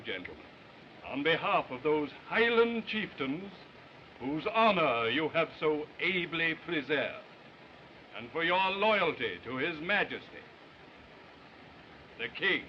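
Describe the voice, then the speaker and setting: An actor playing a formal, dignified British army colonel, declaiming in the manner of an early talkie film. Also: male voice, fairly high pitch. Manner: formal, stately, oratorical. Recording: muffled, noisy early talkie film soundtrack.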